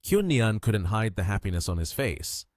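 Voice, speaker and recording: A man with a lowish voice narrates a story recap, his pitch swinging in an animated way. The sound is dry and close to the mic, with no room echo. He reads with steady energy from scene to scene. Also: moderate pace.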